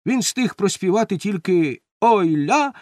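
Playful male storyteller with a husky voice. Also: a little high, a little slow, no room sound, clean studio sound. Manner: lively, playful, speaks to the young listeners. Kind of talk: children's audiobook narration.

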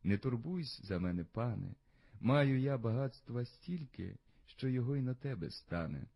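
A man voicing a poor poet who answers a knight quietly and with dry wit in a storybook poem. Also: mid-range voice, expressive, moderate pace, vocal fry, slightly rough. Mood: calm.

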